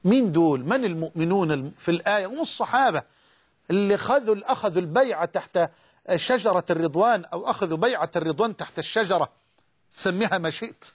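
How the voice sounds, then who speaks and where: High-voiced Egyptian preacher. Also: male voice, animated, quick pace, breathy edge. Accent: Egyptian Arabic. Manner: emotive, swearing oaths, mixing Quranic recitation with colloquial speech. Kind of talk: religious lecture on a TV channel.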